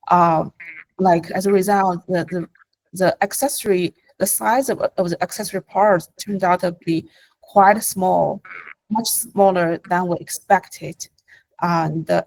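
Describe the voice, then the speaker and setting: A woman's voice: fairly low pitch, creaky, a little mellow, low-quality recording. A woman presenting her company's product in a webinar, answering questions with frequent fillers and restarts. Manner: halting, many fillers and restarts. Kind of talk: live webinar Q&A.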